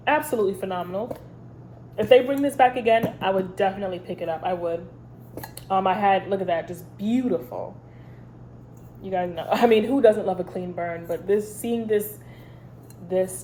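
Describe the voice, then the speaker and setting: Here the candle review host speaks at medium pitch, her mellow voice stuffy from a head cold. She rambles chattily through the vlog with many ums, and there's slight background noise.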